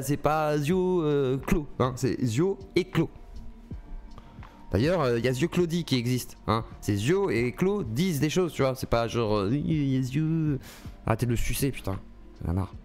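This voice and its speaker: A man streams his reaction with an indignant, foul-mouthed rant. His pitch swings widely as he slips into mocking voices, and his voice sits in a middle range. Faint music plays underneath. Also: lively intonation, normal speed, darkish tone. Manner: indignant, crude, jumps into mocking put-on voices. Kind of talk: ranting live-stream commentary.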